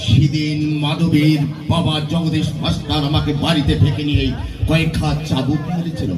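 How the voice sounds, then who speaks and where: A man acting a lecherous, boastful, menacing villain in hammy, declamatory folk-theatre style, with drawn-out words and sudden swells. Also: a little high, flat delivery, recorded from a distance, lightly acted. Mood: vengeful, menacing. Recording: echoey stage PA from afar, music, crowd.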